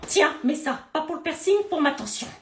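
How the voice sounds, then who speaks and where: A woman's voice: high voice, fairly quick, a bit bright, reverberant. A woman playing a dramatic, outraged mother. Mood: sarcastic. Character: overbearing mother scolding her adult daughter. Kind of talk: comedy sketch acting.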